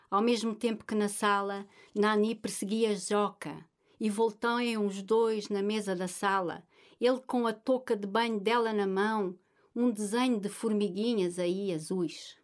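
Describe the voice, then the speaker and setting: Woman narrating a literary story. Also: mid-range voice. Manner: measured, expressive storytelling.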